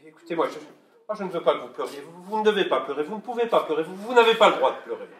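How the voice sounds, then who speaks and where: Male actor as a fretful romantic lover, stuttering, over-the-top pleading, a touch high, echoey room, distant mic. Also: sing-song, racing. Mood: impassioned. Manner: stammering, effusive, pleading. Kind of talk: stage comedy acting. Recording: echoey room from far off, faint hiss.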